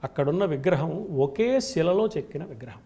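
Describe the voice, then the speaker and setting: Give me a man giving a devotional discourse, high-pitched and gravelly, building points in rhythmic lists. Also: animated, moderate pace, warm tone. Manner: emphatic, rhythmic lists of qualities. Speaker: spiritual scholar guest.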